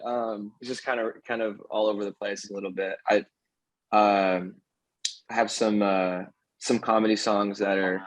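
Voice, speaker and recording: A man's voice: on the low side, poor audio. A man from the Philippines, a comedian guest in a casual interview, talking loosely and thinking aloud as he goes.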